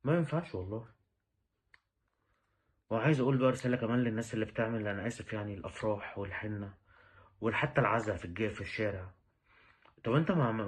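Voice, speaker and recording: A man with an Egyptian Arabic accent, talking straight to the listener in an exasperated, pleading rant. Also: lowish voice. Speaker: vlogger. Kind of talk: direct-to-camera rant.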